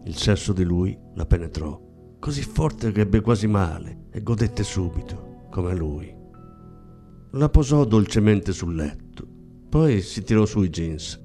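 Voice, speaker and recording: A man reading a novel aloud in a slow, hushed, measured way. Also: fairly low pitch. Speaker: audiobook reader. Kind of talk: scripted literary narration.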